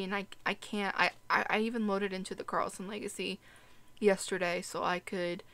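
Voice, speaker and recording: A young woman chats her way through a life-sim game, rambling and talking to the characters on screen. Her voice is bright and sits at a middle pitch. She records at home on a desk mic, wearing headphones. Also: clear, resonant tone. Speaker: gaming YouTuber. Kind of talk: casual gameplay commentary. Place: home room.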